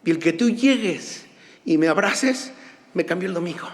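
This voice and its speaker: A man preaching a sermon in a church, swinging from loud urgent peaks to soft, low asides. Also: animated, moderate pace, in a large hall. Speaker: pastor. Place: church sanctuary.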